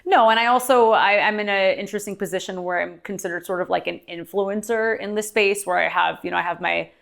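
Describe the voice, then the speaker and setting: A woman's voice: medium pitch, brisk, creaky, a bit bright. A young woman from California speaking frankly and reflectively as an interview guest, with frequent filler words. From Glendale, California. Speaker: guest, adult performer. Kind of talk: candid interview conversation.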